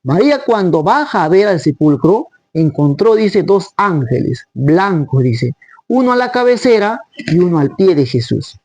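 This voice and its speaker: A man preaching a Bible study sermon, taking the scripture apart verse by verse and asking his listeners questions before answering them himself. His pitch rises and falls with real animation, and the sound is close and dry with no room echo. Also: very animated, a little slow, a little mellow.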